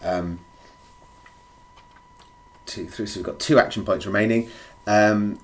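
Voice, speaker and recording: A man with a croaky, under-the-weather voice thinks aloud in casual play-by-play as he plays a board game alone. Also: on the low side, fairly even intonation, slow. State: feeling rough, under the weather. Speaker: solo board game player presenting a run-through. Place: indoors at a gaming table. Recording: clear background noise, clicks.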